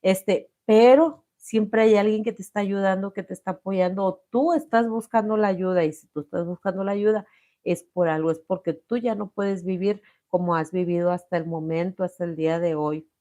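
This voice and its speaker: A woman's voice: mid-range voice, normal speed, warm tone. A middle-aged Mexican woman giving a heartfelt personal testimony, calling her listeners "corazón". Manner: emotional, addresses viewers as corazón. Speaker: host sharing testimony.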